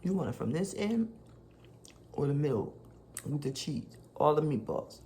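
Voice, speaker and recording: A woman's voice: low-pitched, very animated, moderate pace, warm tone, slight background noise. A woman hosting a casual cooking vlog, talking straight to her viewers and humming over each bite. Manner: savoring food with long hums; chatty, addresses viewers directly. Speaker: cooking channel host.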